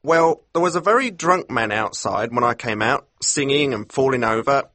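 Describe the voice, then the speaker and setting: A defensive, flustered policeman, voiced by a man reading aloud. He hurries his words and sits a bit higher than the narration. The recording is close and dry. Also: lively intonation, moderate pace, bright, forceful tone, no room sound. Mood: recounting.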